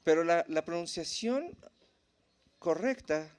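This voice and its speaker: A man teaching at a church in a relaxed, conversational way, often checking in with the congregation. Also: a little high, slow pace, clean tone. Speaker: preacher.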